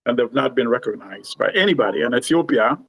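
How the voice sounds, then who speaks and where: A man from Uganda, a guest explaining his points in a measured conversational way, often checking in with "you know" and "right?". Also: mid-range voice, animated, vocal fry, a bit bright, breathy edge, rough recording. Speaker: guest commentator. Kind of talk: conversational discussion.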